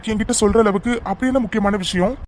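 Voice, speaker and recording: A performer voicing a playful, protective young doctor in an animated cartoon story, teasing and reassuring his girlfriend. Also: mid-range voice, racing, close to an everyday voice.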